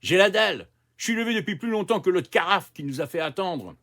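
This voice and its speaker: A man doing a loud, grumpy teenage girl. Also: high-pitched, big pitch swings, moderate pace, pitched above the performer's own voice. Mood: irritated. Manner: blunt, slangy, raised voice. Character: irritable hungry teenage girl rapper.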